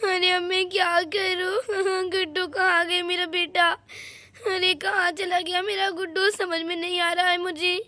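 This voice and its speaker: A woman's voice: extremely high pitch, steady tone, moderate pace, sharp tone, no room sound, heavily acted. A woman voicing a frantic young village mother in a doll story, wailing and panicky as she searches for her son. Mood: tearful.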